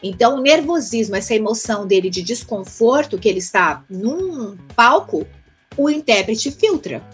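A woman's voice: fairly high pitch, lively intonation, moderate pace, soft background music. A woman with a Brazilian Portuguese accent, a conference interpreter chatting casually as an interview guest, rambling through lists and restarts.

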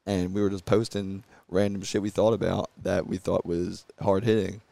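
A man in his thirties chatting on a podcast in a very deep, gravelly, dark voice. He talks fast and trips over quick restarts, recorded dry and close. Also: no room sound. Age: 30s. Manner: energetic, stumbling restarts, swears casually. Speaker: podcast guest, brand co-founder. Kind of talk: casual podcast chat.

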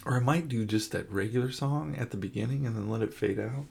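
A man's voice: medium pitch, fast talker, creaky, background noise. A man co-hosting a casual home podcast, joking and laughing while he sneezes and coughs with a runny nose. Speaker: podcast co-host.

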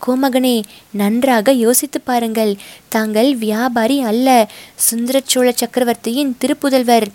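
A woman voicing a fierce, loyal boatman's wife who shouts in shrill, impassioned bursts. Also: fairly even intonation, a little slow, natural voice. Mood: frantic. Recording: dry close recording.

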